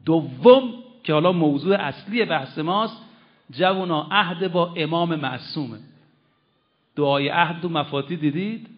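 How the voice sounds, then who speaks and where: A male preacher giving an impassioned sermon, telling a story and swinging between loud declaiming, low asides and slow, solemn recitation of Arabic phrases. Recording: muffled lo-fi recording.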